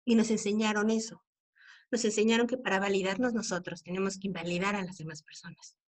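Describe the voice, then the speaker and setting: A woman's voice: mid-range voice, fairly even intonation, quick pace. A middle-aged Mexican woman giving an informal, earnest talk to parents, often asking rhetorical questions. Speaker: speaker on parenting and equality.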